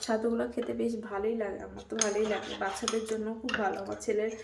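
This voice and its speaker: Soft-spoken woman vlogging at home. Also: mid-range voice, level tone, racing, gravelly. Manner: speaks softly and quietly after a workout. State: tired after exercise. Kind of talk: casual daily vlog narration. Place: home kitchen. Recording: echoey room with loud household noise.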